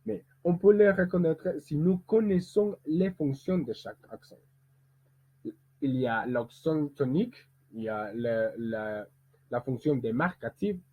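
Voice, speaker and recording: A man who is a musician, teaching pronunciation and speaking as a learned language, who demonstrates rhythm slowly and deliberately. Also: mid-range voice, husky. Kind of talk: explanatory lesson. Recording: tinny, phone-like sound.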